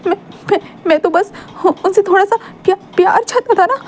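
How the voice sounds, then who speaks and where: A woman's voice: high voice, fairly even intonation, fairly quick, mellow, slight background noise, lightly acted. A woman voicing a heartbroken young man who cries and stammers while pleading to be loved. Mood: sobbing. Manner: sobbing, stammering, repeating words. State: crying.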